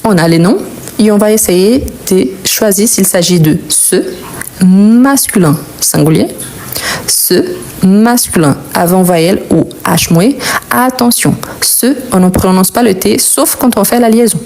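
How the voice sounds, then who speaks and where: A woman's voice: mid-range voice, measured pace, darkish tone. A woman teaching a live French grammar lesson, explaining patiently and repeating key words.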